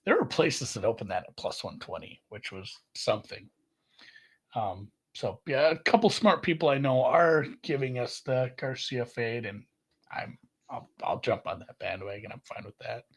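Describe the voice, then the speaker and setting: A man's voice: moderate pace, breathy edge. A man co-hosting a sports betting podcast, talking in a rambling casual way and correcting himself often. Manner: rambling, self-correcting, lively jumps in pitch. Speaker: podcast co-host.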